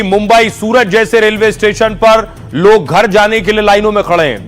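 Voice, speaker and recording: High-voiced male news anchor. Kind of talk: news voice-over narration.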